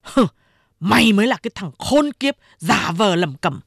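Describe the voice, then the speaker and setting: A woman's voice: mid-range voice, expressive, moderate pace, no room sound, clean studio sound. A woman voicing a crude, bullying gang boss man who threatens and swears. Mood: angry. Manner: gruff, bullying.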